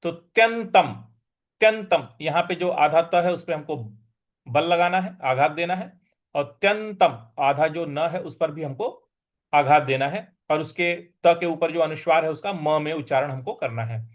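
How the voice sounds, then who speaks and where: A man teaching a scripture lesson, chanting verses slowly and then explaining how to pronounce each syllable. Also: on the high side. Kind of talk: recitation and pronunciation lesson.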